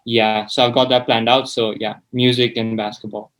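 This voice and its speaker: His voice is medium in pitch, level and fairly bright, moving at normal speed. The speaker is a seventeen-year-old Nepali student chatting casually in an interview, hesitant and informal, and he says "like" a lot.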